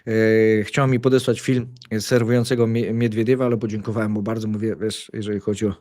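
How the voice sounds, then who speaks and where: A man's voice: lowish voice, flat delivery, a little fast, darkish tone. A man who commentates tennis, telling stories in casual chat, rambling with many fillers and restarts. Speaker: tennis commentator and show host.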